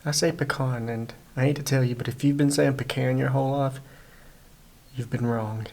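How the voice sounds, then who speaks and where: A young man talking quietly and casually to the camera while camping inside a small shed at night, in a relaxed, rambling way. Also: mid-range voice, brisk, vocal fry. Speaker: vlogger. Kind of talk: casual vlog talk to camera. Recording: faint background noise.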